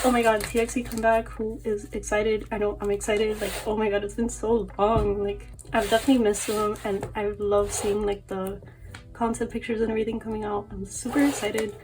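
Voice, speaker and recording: A young woman chats to camera about her collection and life, rambling with plenty of fillers and laughs, her voice a little off from allergies. She speaks fairly quickly at a medium, level pitch, and the recording is low quality.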